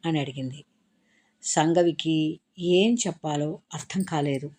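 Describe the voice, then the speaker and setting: A woman narrating a romantic story in a calm, expressive reading style. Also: deep voice, a little slow.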